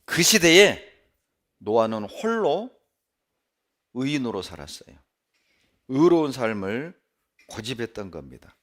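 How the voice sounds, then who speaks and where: Lively, animated male pastor preaching. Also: medium pitch, a little slow, pauses often. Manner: animated, emphatic preaching with sharp rises and drops. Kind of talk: sermon. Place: church.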